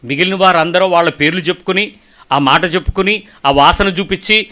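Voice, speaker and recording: A middle-aged man preaching a sermon with a bright, forceful tone that sits a little high. He tells stories and asks the congregation question after question, moving from quiet asides to emphatic lines. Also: brisk. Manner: storytelling, rhetorical questions, swings between soft and emphatic.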